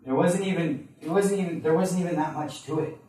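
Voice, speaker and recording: A man's voice: fairly high pitch, fairly even intonation, fairly quick, dark tone. A man, a pastor, earnestly telling a personal story during a sermon in a conversational way. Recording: echoey room, mic at a distance.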